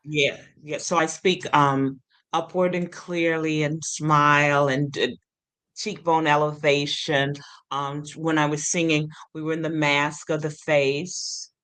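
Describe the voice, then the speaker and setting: A low-pitched woman in her sixties with a lateral lisp tells stories as an interview guest. She fills pauses with ums and springs into acted-out quotes. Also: smooth. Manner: animated storyteller with many ums, acts out quotes. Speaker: guest, occupational therapist and singer. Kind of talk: casual interview chat.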